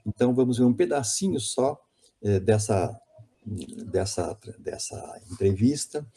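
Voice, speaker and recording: Dark-voiced man giving a hesitant lecture. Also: fairly low pitch, expressive, a little slow, slightly rough. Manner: hesitant, repeats words, self-correcting. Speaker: linguistics lecturer. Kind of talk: academic conference lecture.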